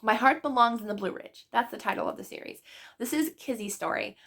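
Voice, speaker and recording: Chatty woman with a gravelly edge. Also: on the high side, fairly quick, a bit bright. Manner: chatty and gushing, with frequent fillers like "like" and "literally". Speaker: book vlogger. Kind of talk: casual book review chat.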